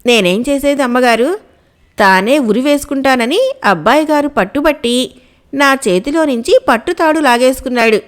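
A woman's voice: high voice, normal speed, lightly acted. A woman voicing a crafty male cook in a storybook tale, speaking meekly to his masters. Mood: sly.

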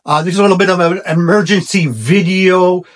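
Middle-aged man, owl researcher, explaining to camera, reassuring, fairly high voice, indoor room. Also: fairly even intonation, a little fast. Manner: reassuring, explanatory, with many restarts.

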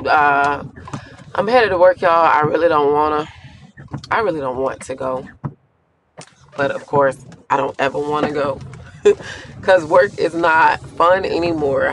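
A woman's voice: sits low, a bit bright. A woman in her thirties vlogging from her car, chatty and rambling with lots of fillers, on a phone camera on the dashboard. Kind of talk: casual car vlog talk. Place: inside a parked or moving car. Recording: faint car and road noise.

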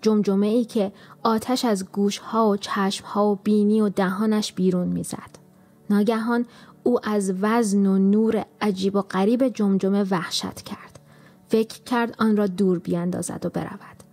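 A woman narrating a fairy tale for an audiobook in a soft, half-whispered reading. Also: medium pitch, fairly even intonation, faint music behind. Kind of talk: scripted storybook narration.

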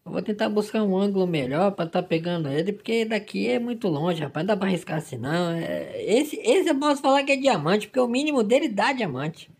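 An overexcited man narrates his hunting game play by play. He talks in bursts of exclamations and keeps calling out to his audience, his emotional energy running high all the way through. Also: lively intonation, brisk, few pauses, a little mellow, husky. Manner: exclamatory, emotional, fills lines with "rapaz". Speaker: gaming channel host. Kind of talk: excited hunting-game commentary.

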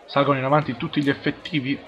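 A man's voice: medium pitch, little pitch movement, quick pace, muffled recording. Italian man calling football, crowd behind. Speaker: football match commentator. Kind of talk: live football play-by-play commentary. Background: crowd at a football ground.

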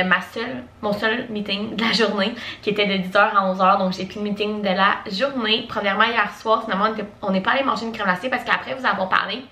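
A woman's voice: medium pitch, bright, forceful tone. A woman in her twenties from Quebec with a Québécois French accent, chatting casually and rambling to her vlog camera, full of fillers. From Quebec, Canada. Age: 20s. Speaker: vlogger.

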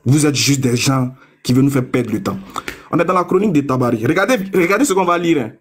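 A young man in a combative live-stream debate, taunting his opponents and reading a source text aloud slowly and deliberately. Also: medium pitch, animated, breathy edge. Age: young adult.

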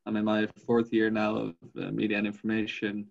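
Dutch-raised student in his twenties, halting, gravelly low voice, muffled call audio. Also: completely flat delivery. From Netherlands. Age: 20s. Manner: hesitant, lots of restarts. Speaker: fourth-year student. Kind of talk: casual video call chat. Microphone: headset on a video call. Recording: dull lo-fi video call audio.

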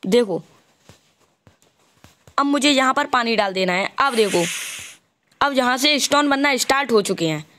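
A man giving casual gameplay commentary, chatty and walking the viewer through each step, stopping to fix his own mistakes out loud. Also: very high-pitched, expressive, measured pace, pauses often, slight background noise. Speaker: gaming channel host.

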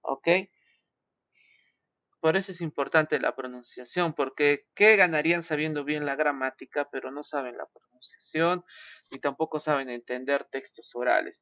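A man teaching an English class online, speaking slowly, mixing Spanish and English, and often saying "ok". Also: medium pitch, fairly even intonation, bright, forceful tone, no echo. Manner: switches between Spanish and English, slow and careful, repeats "ok". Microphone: video call. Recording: dull lo-fi video call audio.

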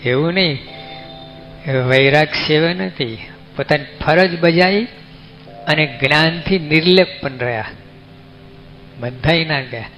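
A man's voice: on the high side, a little slow, long pauses, fairly bright tone. A man with a Gujarati accent, giving a folksy, conversational sermon as a monk, often asking his listeners questions. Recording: dull lo-fi recording with faint music.

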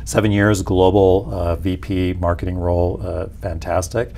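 A company executive from Peru, in his forties, explains matters conversationally for an interview in a small indoor office lounge. He speaks low and warm at a moderate pace with flat delivery; the lapel mic catches a slight hiss or hum.

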